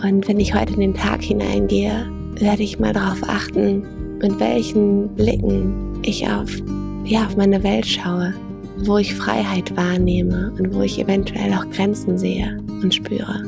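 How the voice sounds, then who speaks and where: A woman reading a story aloud and then reflecting gently as host, soft-spoken and unhurried, in a yoga studio. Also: mid-range voice, flat delivery, gravelly, loud music behind the voice.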